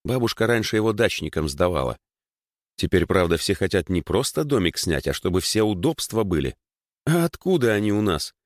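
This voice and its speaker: A man's voice: low-pitched, sing-song, a little fast, dry recording, clean studio sound. A man voicing a talkative young village girl who explains things at length, raised above his own voice. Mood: explaining.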